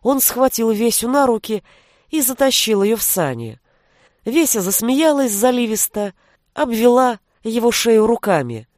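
A woman narrating a fantasy audiobook in an even storytelling voice. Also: a little high, unhurried, no echo, studio quality.

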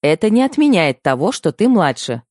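A man voicing a stubborn, teasing young woman, the older sister, with quick retorts in an audiobook. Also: high-pitched, very animated, a little mellow, no echo, clean studio sound, voice pushed up. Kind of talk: audiobook character voice.

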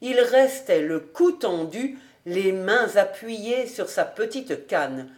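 A French woman reading a classic novel aloud as an audiobook, in a measured, unhurried way. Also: mid-range voice, lively intonation. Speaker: audiobook reader.

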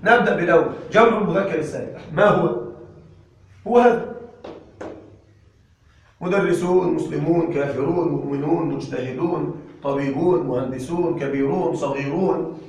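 A man teaching an Arabic grammar lesson in a classroom, asking his students questions and slowing down on the example phrases. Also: a little high. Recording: echoey room from far off.

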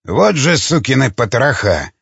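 Man doing a grumbling, practical companion. Husky, plain. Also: mid-range voice, very animated, measured pace, a bit bright, dry recording, muffled recording, exaggerated voice.

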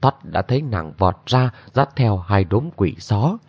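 A man narrating a martial-arts story in an expressive, dramatic way, on a dull lo-fi recording. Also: fairly low pitch, unhurried, no echo.

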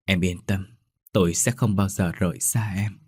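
A man's voice: low-pitched, steady tone, moderate pace, breathy edge, no room sound, clean studio sound. A man voicing a devoted ghostly husband. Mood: tender. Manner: soothing, reassuring.

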